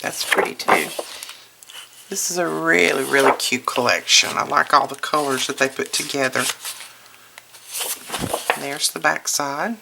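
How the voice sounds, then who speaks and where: Still hoarse from being sick, this craft video host has a bass voice and takes her time, commenting on her products one by one in a chatty way while handling them. The clear background noise includes crinkling paper, packaging, and clicks.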